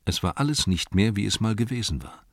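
A man with a lowish voice narrates an audiobook in a measured, expressive storytelling style. The studio-quality recording has no room sound.

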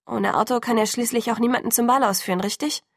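A woman voicing a teenage girl in an audiobook who rambles on in hurried, wry chatter. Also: medium pitch, fairly bright tone, no echo, clean studio sound, lightly acted. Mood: chatty, wry.

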